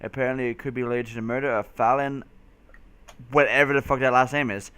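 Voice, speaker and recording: A young man playing a game with a friend, swearing often and breaking into excitable laughing outbursts. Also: mid-range voice, fast, clean tone. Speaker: gamer playing and co-hosting. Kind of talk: casual let's play banter.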